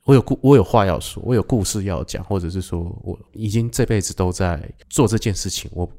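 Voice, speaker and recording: A man, an actor, telling rambling, animated stories in a casual podcast chat. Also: lowish voice, fast. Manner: rambling, animated storytelling with fillers.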